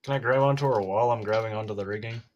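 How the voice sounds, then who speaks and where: A player at mid pitch takes part in a tabletop role-playing game with a casual tone. The questions come out polite and a little hesitant. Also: racing, lo-fi sound.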